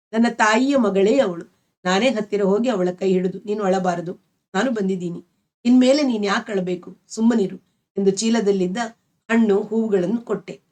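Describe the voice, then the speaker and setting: A woman storyteller reading a novel aloud in a measured, expressive way. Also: medium pitch.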